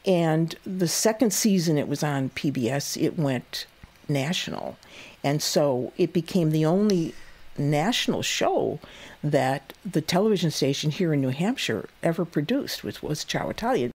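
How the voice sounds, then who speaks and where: A woman in her eighties tells stories in an interview. Her voice sits fairly low, and her delivery is lively. She laughs often and puts on voices for the people she quotes. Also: unhurried, husky. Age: 80s. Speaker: guest, cooking show host. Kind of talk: interview storytelling.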